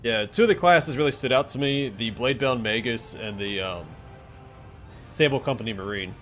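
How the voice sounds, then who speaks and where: A man's voice: mid-range voice, normal speed, fairly bright tone, faint music behind. A man giving casual gameplay commentary as a streamer, chatting with his viewers. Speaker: game streamer.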